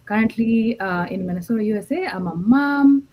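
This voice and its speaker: A woman from Kenya speaks in a mellow, somewhat high voice. She is unhurried and uses fillers as she introduces herself. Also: lively intonation, rough recording. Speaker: nurse and business mentor. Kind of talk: casual self-introduction.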